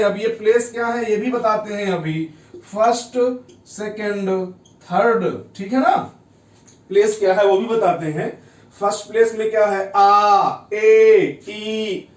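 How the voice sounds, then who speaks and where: High-voiced man teaching in an echoey room. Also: darkish tone, distant mic. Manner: repetitive, checks with "ठीक है ना". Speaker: shorthand teacher. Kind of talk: classroom lesson explaining at a board.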